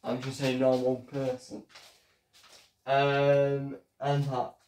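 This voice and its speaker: A young man hosting a casual home cooking vlog, chatty and halting as he talks while cooking in a small kitchen. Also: medium pitch, monotone, darkish tone, slight background noise. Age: young adult. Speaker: home cooking show host. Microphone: fixed camera across the room. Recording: echoey kitchen, voice from far off.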